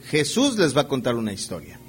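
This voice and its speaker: A man's voice: medium pitch, huge pitch swings, brisk, a little hiss or hum. A man preaching a conversational sermon, checking in with his listeners through rhetorical questions and playfully acting out everyday scenes. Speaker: pastor.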